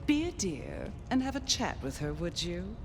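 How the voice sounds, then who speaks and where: An actress playing a haughty, eccentric ancient vampire in a video game, languid and condescending, given to dreamy reverie. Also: female voice, fairly low pitch, big pitch swings, moderate pace, music in the background. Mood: imperious, disdainful. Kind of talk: dramatic video game acting.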